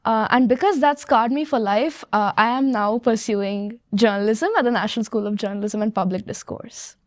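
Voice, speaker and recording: A woman's voice: a little high, steady tone, normal speed, dry recording, studio quality. Joking eighteen-year-old woman. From India. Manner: joking, self-deprecating. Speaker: panelist. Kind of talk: student self-introduction.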